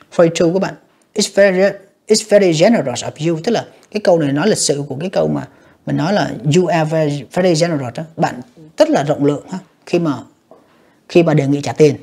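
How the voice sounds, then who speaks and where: Going over exam questions, this English teacher speaks at medium pitch and a little fast, with a gravelly, slightly rough yet somewhat mellow voice. Each English option gets read out, translated, and evaluated, and the students are frequently called "các bạn".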